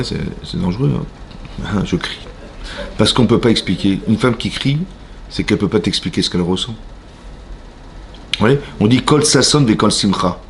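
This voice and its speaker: A man with a French accent, a rabbi giving an animated Torah class in a synagogue, questioning his listeners and acting out voices. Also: on the low side, a little hiss or hum. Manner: animated, asks the audience questions, acts out voices. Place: synagogue hall.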